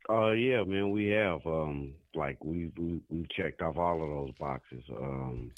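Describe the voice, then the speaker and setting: A man's voice: rumbling low, slow pace, dry recording, phone-quality sound. A man talking as a guest on an interview show, laid-back and slangy, often restarting his words. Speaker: guest musician. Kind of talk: casual interview chat.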